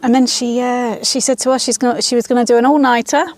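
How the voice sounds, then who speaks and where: A woman co-hosting a podcast, telling stories in relaxed casual chat outdoors in a garden. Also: fairly high pitch, fast talker. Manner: relaxed, hesitant storytelling with fillers. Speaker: podcast co-host.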